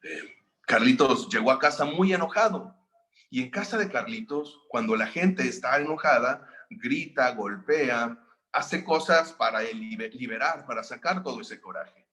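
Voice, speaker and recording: A man with a Mexican accent, a seminar facilitator, calmly narrating a story to explain a lesson. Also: mid-range voice, a little slow. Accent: Mexican Spanish. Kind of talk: storytelling lecture.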